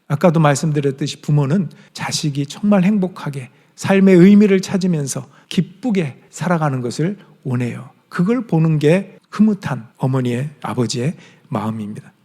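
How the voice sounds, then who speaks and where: A man's voice: on the high side, expressive, normal speed, hardly any pauses, dark tone. A middle-aged man from Chungcheong, South Korea, preaching a sermon as pastor in an earnest, conversational way, putting direct questions to his congregation. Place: large church sanctuary. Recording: reverberant church hall.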